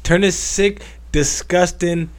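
A man's voice: high voice, fairly even intonation, slow, smooth. A young man co-hosting a podcast, bantering casually and swearing often. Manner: profane, laid-back banter. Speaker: podcast co-host. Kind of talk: casual chat.

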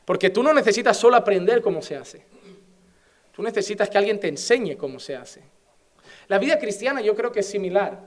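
Speaking fairly quickly with a lively intonation and a high-pitched voice, a middle-aged Spaniard with a Spanish accent delivers a passionate sermon. Rhetorical questions come one after another as he builds toward fervent exhortation.

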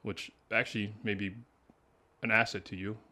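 A man's voice: lowish voice, level tone, moderate pace, sharp tone. A man hosting a podcast, chatting casually and teasingly with his guest, often tagging his sentences with a question. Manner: chatty, teasing, tags lines with "right?". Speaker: podcast host.

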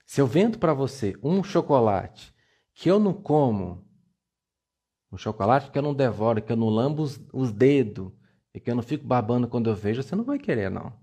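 A man's voice: mid-range voice, very animated, a little fast, warm tone, husky. A man, giving a playful, coaxing motivational talk on a live stream and repeating words for emphasis. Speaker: live-stream self-esteem coach.

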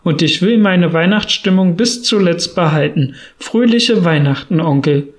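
A man's voice: on the high side, measured pace, close to an everyday voice. A man reading an audiobook, voicing a cheerful, earnest young man who pleads in a heartfelt way. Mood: pleading.

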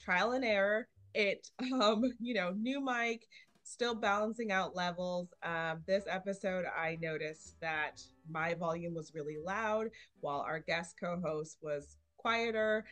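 A woman's voice: fairly low pitch, unhurried, a bit bright, soft background music. A woman hosting a podcast, giving a casual, apologetic note to listeners before the episode. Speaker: podcast host. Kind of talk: apologetic intro announcement.

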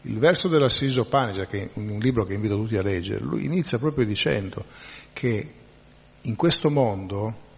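Man, lower voice, devotional class teacher, conversational lecture, frequent restarts, long reverb. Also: expressive, normal speed, creaky, slightly rough. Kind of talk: spiritual lecture.

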